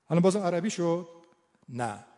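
A man's voice: high-pitched, animated, dark tone, big-room sound. A Persian-speaking man giving an informal lecture on vowel sounds, stretching out sample sounds as he demonstrates them. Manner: demonstrates vowel sounds aloud, slow and drawn out. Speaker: teacher of Quran recitation and phonetics.

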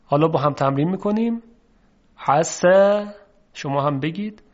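A Persian-speaking man teaching Arabic letter pronunciation for Quran reading, in a slow, measured lesson that draws out example words. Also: on the high side, lively intonation. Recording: dull lo-fi recording.

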